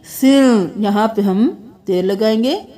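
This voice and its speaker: A woman teaching Quran recitation word by word, drawing each word out slowly and melodically, then explaining the pronunciation rules. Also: mid-range voice, dark tone. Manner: slow drawn-out melodic recitation between brisk spoken explanations. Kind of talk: word-by-word tajweed lesson.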